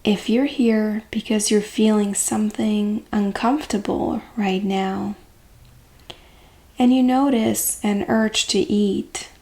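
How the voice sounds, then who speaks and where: A woman coach leads a guided meditation, speaking gently and calmly in a medium-pitched voice with long, unhurried pauses.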